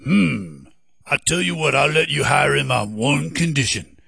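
A man voicing a giant, laid-back, funky male octopus in a children's audio story, with a gravelly, drawling, slangy way of talking. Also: mid-range voice, animated, unhurried, sharp tone, no echo, clean studio sound, heavily acted. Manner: cool, easygoing, slangy.

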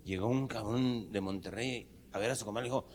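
A man's voice: lowish voice, a little fast, darkish tone. A man with a Mexican accent telling a crude stand-up joke, full of slang and rambling asides. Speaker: comedian.

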